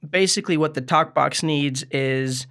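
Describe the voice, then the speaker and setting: This presenter of music gear videos has a pushed, bright voice on the high side and speaks at a moderate pace. He leads a relaxed step-by-step tutorial vlog, chatting directly with his audience.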